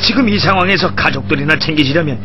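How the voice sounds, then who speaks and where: A man's voice: on the high side, fast talker, close to an everyday voice. A man playing a frustrated, loyal retainer in a dubbed historical animation, formal and pressing. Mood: urgent pleading. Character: frustrated, loyal male retainer advising his lord. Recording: muffled dub with background music.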